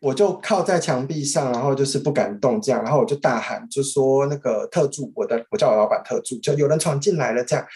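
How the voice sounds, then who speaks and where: A man's voice: medium pitch, fast, few pauses, darkish tone. A young man with a Taiwanese Mandarin accent, a podcast guest telling a story casually, rambling with many restarts. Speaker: podcast guest, former French interpreter.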